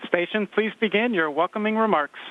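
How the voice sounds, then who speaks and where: A man's voice: sits high, brisk. A man speaking as a mission control communicator, making clipped, procedural calls over a space radio link. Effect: space radio transmission. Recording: narrow, tinny radio link.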